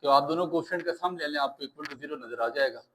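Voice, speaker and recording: A man's voice: fairly high pitch, fast, noisy background. A man with a Pakistani Urdu accent teaching a maths lesson, reassuring his students and mixing English maths terms into his explanations.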